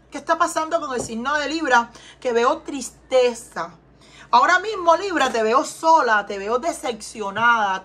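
This tarot reader, originally from Cuba and now at home in Texas, has a high-pitched voice that sounds pushed and bright. Speaking with a Cuban Spanish accent, she earnestly reads for her viewers, repeating her questions and asking them to reply.

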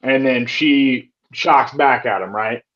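A man's voice: mid-range voice, takes it slowly. A man in his thirties chats casually as a podcast co-host, rambling through movie scenes with heaps of fillers. His voice sits in a middle range. The recording sounds dull and lo-fi. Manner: rambling, animated retelling with many fillers. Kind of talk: casual chat.

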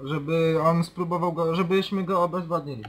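A man's voice: fairly high pitch, fairly even intonation, moderate pace, a bit bright. A man taking part as a player in a tabletop game, bantering bluntly with the others about combat. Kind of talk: casual tabletop game chat.

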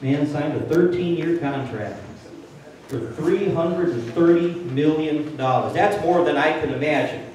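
Woman pastor, relaxed jokey sermon, recorded from a distance in a reverberant sanctuary with faint hum. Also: sits low, a little slow. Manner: chatty and joking, asks the congregation questions. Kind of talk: conversational sermon. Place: church sanctuary. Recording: very echoey church, voice off-mic, faint room hum.

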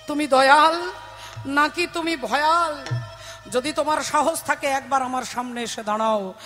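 A woman voicing a grieving queen mother who cries out for her dead sons, in a devotional performance. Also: high voice. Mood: defiant. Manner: wailing, crying out.

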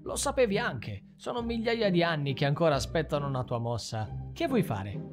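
A man voicing a solemn, gently apologetic male wind spirit bearing bad news in a read-aloud story. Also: on the high side, big pitch swings, normal speed, over music, pitched above the performer's own voice.

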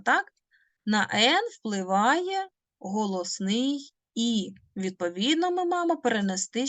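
A woman teaching a language lesson, patient and methodical, who asks questions and answers them herself. She draws out each example word slowly. Her voice sits at an ordinary middle pitch, recorded dry and close with no room sound. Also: no room sound. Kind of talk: online lesson explaining phonetics.

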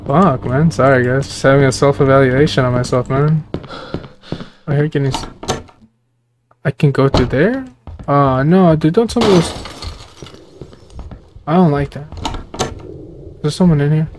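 A man's voice: fairly high pitch, unhurried, pauses often. A man streaming his first playthrough of a horror game, swearing, trash-talking and reacting to scares as he plays. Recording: noticeable background noise.

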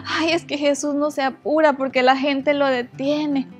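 Storybook father, desperate and pleading, anxious high voice, read by a woman narrator. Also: flat delivery, normal speed, faint music behind.

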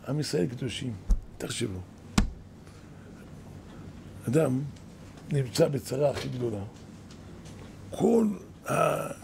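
An older man, a kabbalist rabbi, giving a weekly Torah lesson in an animated, lamenting way, with a gravelly voice. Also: on the high side, a little hiss or hum. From Israel. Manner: animated, exclaiming and lamenting, storytelling. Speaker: kabbalist rabbi, yeshiva head. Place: yeshiva study hall.

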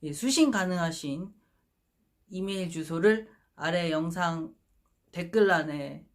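Low-pitched, unhurried woman presenter over music. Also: expressive. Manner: formal, polite presenter delivery. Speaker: host of a sports prediction channel. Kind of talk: giveaway announcement to viewers. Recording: music behind the voice.

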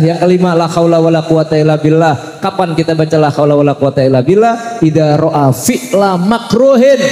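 Guy preaching in a big mosque, jokey stories, bit high voice, lots of echo. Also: dark tone. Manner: jokey storytelling with chanted prayers. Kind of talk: humorous mosque sermon. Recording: echoey mosque hall.

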